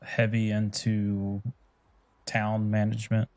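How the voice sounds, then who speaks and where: A man's voice: lowish voice, completely flat delivery, slow pace, darkish tone, no echo. A man chatting casually while streaming a city-building game, laid-back and swearing offhand.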